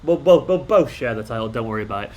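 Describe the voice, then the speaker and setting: A man hosting a late-night live stream, chatting excitably and bantering with viewers while reading their comments out, sounding tired. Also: medium pitch, quick pace.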